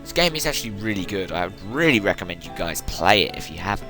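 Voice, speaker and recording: A young man with a deep, sing-song voice talks fast as he plays a video game, giving rambling let's-play commentary. He's chatty and keeps breaking off his own sentences, while game music plays loudly behind him.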